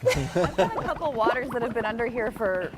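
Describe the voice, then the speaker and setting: A woman's voice: a little high, expressive, a little fast, over a noisy crowd. A woman giving a chatty morning traffic report, laughing between lines. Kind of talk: casual morning news chat.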